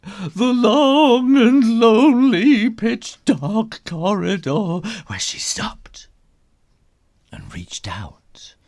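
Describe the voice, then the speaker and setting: In this theatrical storybook reading for children, the man's high voice swings widely in pitch and sounds a little mellow, with drawn-out words. He stretches words for suspense, whispers at moments, and has fun with sound words and repetition.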